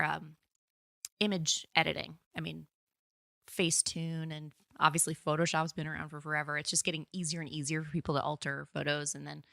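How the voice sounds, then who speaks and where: Woman, podcast co-host, lowish voice, dry close sound, explanatory, casual. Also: vocal fry, fairly bright tone, no echo. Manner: explanatory, thinks aloud with restarts. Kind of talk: casual conversational discussion.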